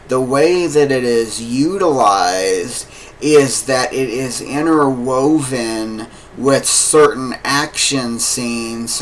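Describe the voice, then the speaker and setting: Male vlogger, mid-pitched, slow-talking and earnest, filler-heavy home movie review. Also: fairly bright tone, slight background noise, low-quality recording. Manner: unhurried, many fillers, earnest. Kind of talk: casual spoken film review.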